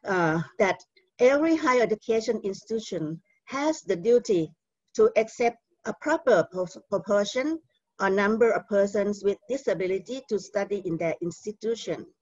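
A woman's voice: mid-range voice, lively intonation, a little mellow, no echo. A middle-aged woman with a Thai accent giving a conference keynote over a video call, speaking carefully with many hesitations. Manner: careful, halting delivery with frequent "uh" fillers. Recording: dull lo-fi video call audio.

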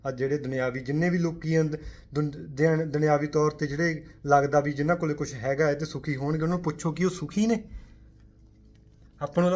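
Emphatic man giving a Sikh spiritual talk. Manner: forceful, full of rhetorical questions; swings between loud emphatic bursts and quiet low asides.

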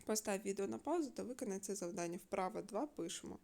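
A woman teaching a primary school lesson for video, giving slow, clear instructions and sounding words out syllable by syllable. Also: medium pitch, lively intonation, darkish tone. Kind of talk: recorded remote lesson.

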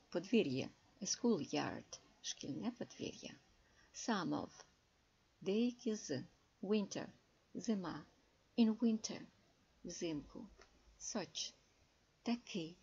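A woman teaching English, slowly and carefully translating and explaining words one by one. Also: mid-range voice, a little mellow, slightly rough. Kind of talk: slow bilingual lesson, translating words. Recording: dull lo-fi recording.

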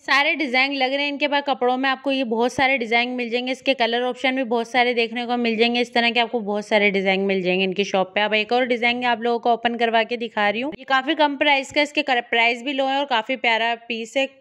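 A woman talks fast in a casual shopping vlog, her voice a little high and clear. She keeps up a chatty, repetitive sales patter aimed at her viewers. She records on a handheld phone inside a fabric shop in an indoor market. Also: little pitch movement, fairly bright tone. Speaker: shopping vlogger.

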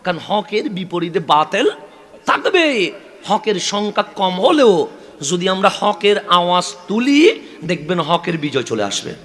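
A male preacher from Chittagong with a Chittagonian accent, giving a sermon at a religious gathering. He asks the crowd rhetorical questions in a call-and-response style and builds up to loud, drawn-out climaxes. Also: high voice, sing-song. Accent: Chittagonian Bengali. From Chittagong, Bangladesh. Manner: repetitive, call-and-response delivery.

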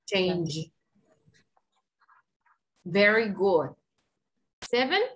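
Argentine woman english teacher on a video call, slow and careful, encouraging, repeats words so students get them. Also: medium pitch, expressive, a bit bright, low-quality recording. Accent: Argentine Spanish. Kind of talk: online class, pronunciation coaching.

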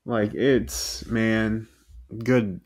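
A man's voice: lowish voice, fairly even intonation, very slow, darkish tone, no room sound, clean studio sound. Slangy, emphatic man on a podcast. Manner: informal and emphatic, slangy asides. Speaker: podcast guest. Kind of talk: casual podcast chat.

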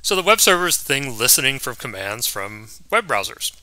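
Bright-voiced male instructor, easygoing lecture. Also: mid-range voice, fairly quick, no echo. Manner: relaxed and conversational, with frequent ums and restarts. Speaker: course instructor. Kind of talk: recorded lecture.

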